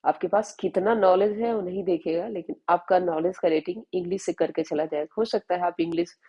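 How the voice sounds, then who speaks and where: A woman with an Indian accent, teaching spoken English in Hindi, reading example sentences slowly and often checking in with her students. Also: on the low side, warm tone, breathy edge, dull audio. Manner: explains slowly, often asks "है ना?".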